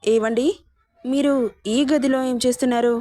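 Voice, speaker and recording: A woman voicing a calculating, childless older sister who smoothly persuades her younger sister to give in. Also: a little high, steady tone, normal speed, dark tone, no echo, clean studio sound, natural voice. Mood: persuasive.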